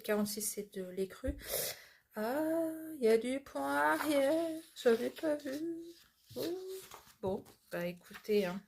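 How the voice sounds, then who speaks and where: A woman with a stuffy nose from a cold, chatting casually through a craft unboxing and often dropping to a soft murmur. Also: mid-range voice, a little hiss or hum. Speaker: cross-stitch vlogger.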